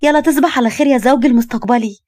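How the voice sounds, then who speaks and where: A woman voicing a bold, teasing young woman in her twenties, with an Egyptian accent and quick comebacks. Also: fairly high pitch, a little mellow, no echo, pitched above the performer's own voice, lightly acted. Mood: cheeky.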